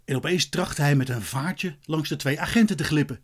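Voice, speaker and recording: Man, storyteller, audiobook narration, expressive reading, slightly high voice. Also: fairly quick.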